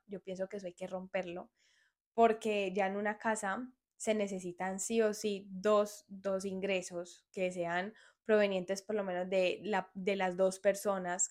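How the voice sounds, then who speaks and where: A woman in her twenties talks on her own podcast in an earnest, frank way, giving listeners advice. Her voice sits at an ordinary middle pitch. She talks in a plain, conversational way. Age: 20s. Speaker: podcast host. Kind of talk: solo podcast monologue.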